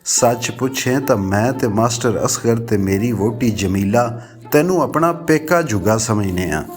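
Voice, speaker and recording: A man's voice: mid-range voice, animated, a little slow, soft background music, lightly acted. A man reading a novel aloud, voicing a respectful middle-aged station master who speaks earnestly and coaxingly. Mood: pleading.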